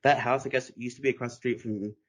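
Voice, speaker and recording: A man's voice: medium pitch, steady tone, fast, husky. Young texas guy hosting a podcast, chatty, laughs a bunch, ordinary mid voice. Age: 20s. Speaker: podcast host. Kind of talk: casual chat.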